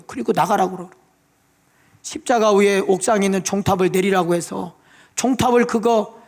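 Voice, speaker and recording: Male pastor, high gravelly voice, emotional testimony sermon in a church. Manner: emotional testimony, tearful pleading prayers. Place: church sanctuary.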